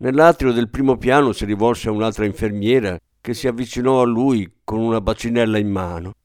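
A man's voice: medium pitch, a little fast, darkish tone, no echo. A man narrating a story expressively and performing each character's voice. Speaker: audiobook narrator. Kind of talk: scripted narration. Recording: dry close studio sound.

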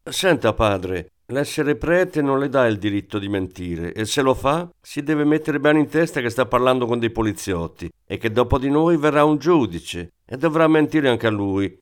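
A gruff, short-fused male deputy inspector bullies a witness in a blunt, barracks-room bark, read by a male narrator. He is loud, crude and impatient. The setting is an audiobook crime novel. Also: mid-range voice, animated, normal speed, hardly any pauses, voice pushed up, natural voice. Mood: threatening.

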